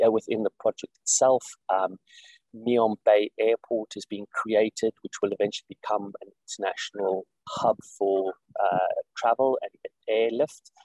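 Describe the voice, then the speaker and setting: A man from South Africa, an executive director, explains his work in an interview over a video call, talking in a measured way with many fillers and restarts. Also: lowish voice, darkish tone, dry recording, rough recording. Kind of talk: interview conversation. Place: Saudi Arabia, remote call.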